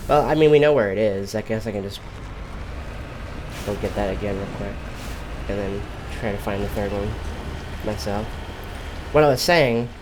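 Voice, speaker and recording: A man's voice: lowish voice, moderate pace, long pauses. A man giving casual, rambling commentary as he streams a video game, musing aloud. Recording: clear game noise behind.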